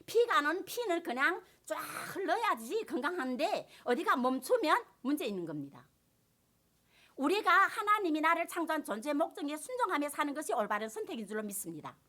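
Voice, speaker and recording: A woman preaching a sermon in a church. Her voice sits high and swings widely in pitch, building to emphatic peaks. She calls out to the congregation for a response. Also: very animated, a little fast, pushed and bright. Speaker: pastor.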